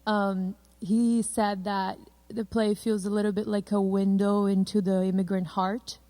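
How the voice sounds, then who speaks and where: A woman, a theater director, speaking gently in an interview. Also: mid-range voice, flat delivery, a little slow. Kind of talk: casual interview talk.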